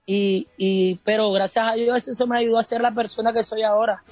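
A man's voice: high voice, little pitch movement, fairly quick. A young man from Honduras, a rapper answering interview questions in an earnest, polite way. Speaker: guest rapper.

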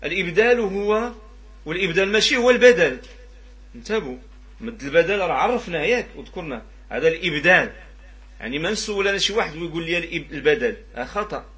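A man with a Moroccan Arabic accent teaching a tajweed lesson, asking the students questions and repeating pronunciation examples in a drawn-out way. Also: a little high, lively intonation, sharp tone. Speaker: Quran recitation teacher.

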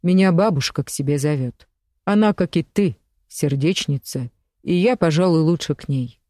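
A woman's voice: low-pitched, moderate pace, dark tone, no echo, clean studio sound, lightly acted. A woman reading as a curt, sulky young son.

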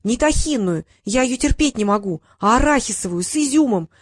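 Woman doing an excited sweet-toothed boy. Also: a little high, brisk, pitched above the performer's own voice. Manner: excited, childish. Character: young boy, eager and greedy for sweets.

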